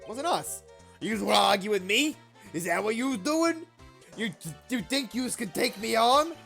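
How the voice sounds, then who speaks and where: A streamer voicing a loud, gruff male loan-shark mobster who talks in tough street grammar while reading game dialogue. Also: medium pitch, very animated, fairly quick, faint music behind. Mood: threatening.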